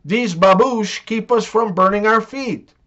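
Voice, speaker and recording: A man voicing a calm old father, gently explaining to his son in a joke. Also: sits high, a little slow. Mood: patient. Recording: dull lo-fi recording.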